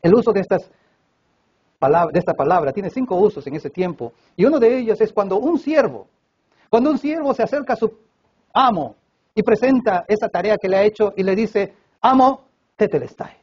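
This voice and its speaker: A man preaching a sermon at a church service, swinging between loud emphatic cries and hushed low passages. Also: a little fast, husky, lo-fi sound. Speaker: pastor.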